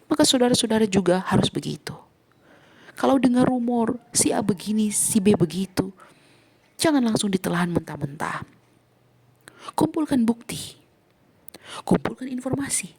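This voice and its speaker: A woman pastor preaching a sermon, swinging between emphatic lines and soft whispered asides. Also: a little high, animated, moderate pace, long pauses, a little hiss or hum.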